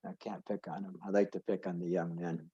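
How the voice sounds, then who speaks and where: A man with a low, mellow voice leads an informal scripture class. He wanders off on tangents and stops to correct himself. His voice comes over a muffled video call line. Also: little pitch movement, brisk, slightly rough. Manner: rambling, self-correcting, digressive. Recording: dull lo-fi video call audio.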